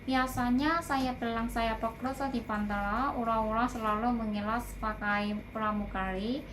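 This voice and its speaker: A woman from South Korea with a Korean accent, a video blogger who works in airport security, gives viewers a scripted talk in careful, formal learner's phrasing. Her voice is on the high side with fairly even intonation at a normal speed, and clear background noise is audible in the recording.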